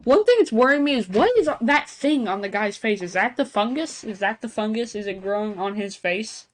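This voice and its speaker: With an animated, medium-pitched voice at a moderate pace, this reaction video host reads on-screen text aloud. He interrupts the read-outs with offhand, speculative asides.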